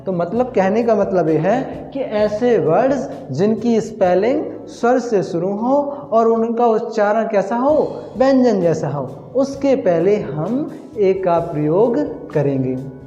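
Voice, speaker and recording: A man's voice: high-pitched, lively intonation, takes it slowly, mellow. A man teaching English grammar in Hindi, repeating each point and asking his students questions. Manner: repetitive, quizzing himself with questions. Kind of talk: Hindi classroom lesson at a whiteboard. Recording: echoey room, dull lo-fi sound.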